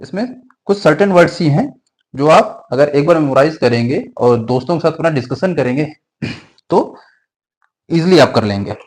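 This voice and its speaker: A man's voice: a little high, expressive, moderate pace, a little mellow, rough recording. A man teaching a grammar lesson, often asking a question and then answering it himself, and repeating the key rules. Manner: mixes Hindi with English grammar terms.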